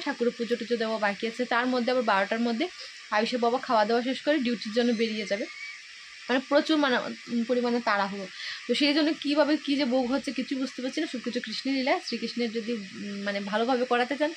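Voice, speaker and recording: A woman's voice: on the high side, noisy background. A woman with a Sylheti-influenced Bengali accent, from Assam, chatting casually to viewers while filming at her village home. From Assam, India. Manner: chatty, addresses viewers as friends. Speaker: vlogger. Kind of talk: casual home vlog narration. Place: village home kitchen and yard.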